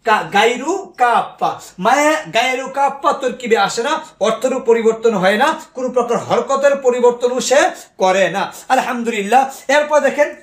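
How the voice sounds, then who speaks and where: Man, very high voice, grammar lesson, self-answered questions, reverberant room. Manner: asks questions and answers them himself, repeats key terms slowly. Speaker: Arabic grammar teacher.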